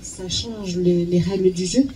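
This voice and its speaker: Working as a live consecutive interpreter, this woman has a fairly low voice and a measured pace. She hesitates and repeats words as she searches for how to phrase things. Audio quality is poor, and a steady background noise is clearly audible.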